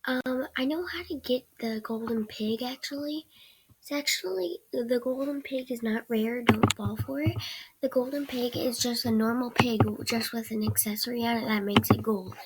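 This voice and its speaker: A teen girl who's sick and losing her voice, which is a little high, gives hesitant, rambling commentary while playing a game on her computer for her gaming channel. Her casual talk often trails into soft mumbles. The computer microphone recording with her screen picks up loud background noise and clicks.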